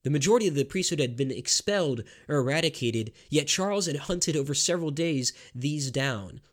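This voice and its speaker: A man narrating a scripted history story in a measured, grave storytelling manner. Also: fairly high pitch, expressive.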